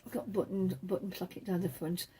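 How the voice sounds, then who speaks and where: A woman's voice: fairly low pitch, flat delivery, fairly quick, warm tone. A woman hosting a knitting podcast, chatting casually as she shows patterns from a book, rambling and correcting herself as she goes.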